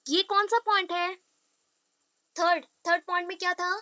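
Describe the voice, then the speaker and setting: Woman teacher, high voice, dry close recording, lecturing, asks the class questions, switches between Hindi and English. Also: steady tone, normal speed, sharp tone, no room sound. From India. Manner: mixes Hindi and English, quizzes listeners with questions.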